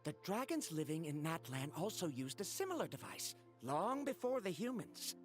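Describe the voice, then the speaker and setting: Game scholar: pedantic, precise lecturer with a villain's tone, animated intonation, faint music underneath. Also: male voice, on the high side, moderate pace. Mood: lecturing, confident. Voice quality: typical villain voice. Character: pedantic scholarly male researcher with a villainous air. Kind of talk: scripted game dialogue.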